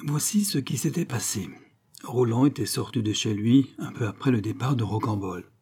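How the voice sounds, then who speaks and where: Husky man narrating an audiobook. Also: mid-range voice, normal speed, a little mellow.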